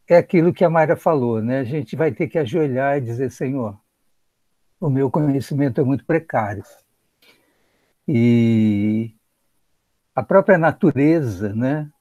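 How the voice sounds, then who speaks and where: A man sharing slow, reflective devotional remarks that quote scripture in a study group. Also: mid-range voice, mellow, no room sound.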